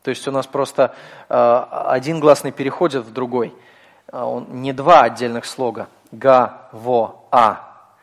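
A man's voice: mid-range voice, fairly even intonation, normal speed. Patient male teacher in a reverberant hall. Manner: patient, explanatory, with frequent fillers. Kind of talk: classroom lecture.

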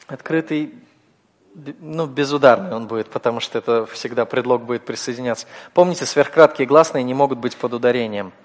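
A man's voice: medium pitch, a little fast, big-room sound. A man teaching a class, explaining step by step in a patient manner with frequent hesitations. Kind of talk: classroom lecture.

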